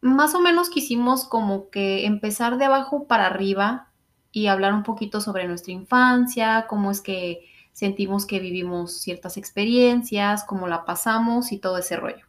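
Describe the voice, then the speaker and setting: A young woman with a Mexican accent chats casually as a podcast co-host. Her voice sits at an average pitch, and she talks in an informal, playful way. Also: normal speed. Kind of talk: casual chat.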